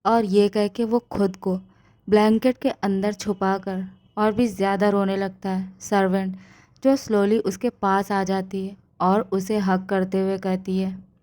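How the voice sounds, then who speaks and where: A woman narrating a fan fiction story in a steady storytelling manner. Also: mid-range voice, unhurried.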